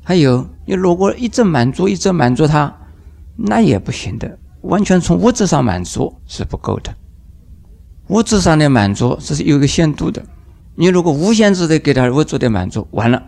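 An older man, a Buddhist master, giving a dharma lecture in an unhurried way, drawing out his phrases and briefly acting out the voices in his examples. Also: on the high side, big pitch swings, gravelly, a little mellow. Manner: unhurried, drawn-out phrases with sentence-final particles, acting out quoted voices.

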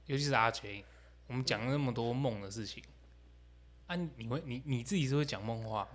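A young man, co-hosting a podcast in relaxed casual chat, chuckling and quick to joke. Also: mid-range voice. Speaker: podcast co-host.

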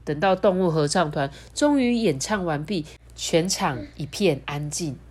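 A woman's voice: sits low, measured pace. A woman with a Taiwanese Mandarin accent and slightly slurred, non-standard pronunciation, telling stories and chatting expressively to children as a podcast host. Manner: expressive, addresses child listeners directly. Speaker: storytelling podcast host, mother. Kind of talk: children's storytelling and chat.

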